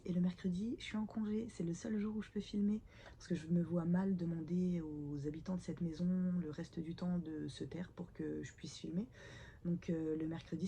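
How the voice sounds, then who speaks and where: A woman with a hoarse, stuffed-up voice from a cold, chatting casually to camera in a self-deprecating, slightly awkward book vlog at home. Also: lowish voice, dark tone, slight background noise. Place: at home, indoors.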